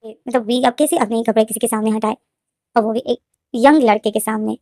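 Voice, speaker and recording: A woman retells a fan fiction story in a casual, quick, looping way, repeating herself and restarting sentences. Her voice is slightly high and mellow. The recording is dry and close. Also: steady tone, no room sound. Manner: fast, repetitive, restarting retelling.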